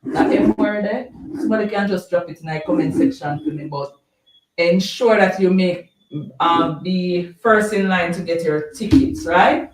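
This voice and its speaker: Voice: mid-range voice, moderate pace, distant mic, a little hiss or hum. A live-stream host with a Jamaican accent, chatting casually and reading out viewer comments, rambling and repeating words. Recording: roomy sound, voice off-mic.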